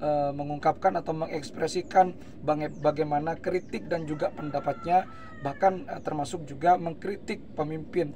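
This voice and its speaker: Hoarse-ish guy hosting a politics explainer, kinda high voice but mellow, lots of "eh" pauses. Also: slight background noise. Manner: measured, with frequent "eh" fillers while explaining. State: slightly hoarse. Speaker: host.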